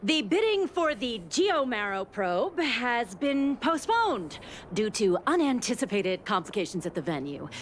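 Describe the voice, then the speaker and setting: An actress voicing a brisk, formal female auctioneer in a video game, announcing items and calling out bids. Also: a little high, very animated, slight background noise. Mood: reassuring.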